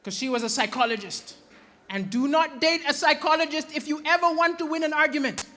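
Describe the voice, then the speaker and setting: Male stand-up, animated delivery, sharp tone, hall reverb. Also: extremely high pitch, fairly quick. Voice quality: animated, switches into voices for quoted people. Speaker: stand-up comedian. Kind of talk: stand-up comedy set. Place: comedy venue stage.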